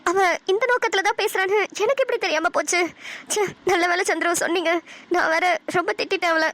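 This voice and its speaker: A woman voicing an excitable young wife in a cartoon, talking in quick, indignant bursts. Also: very high-pitched. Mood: dismayed. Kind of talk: cartoon voice acting.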